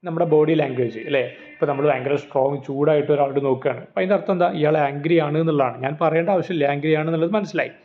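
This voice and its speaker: A man's voice: a little high, fairly even intonation, racing. A man teaching an exam-prep lecture, explaining with rhetorical questions and everyday examples. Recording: phone-like narrow audio.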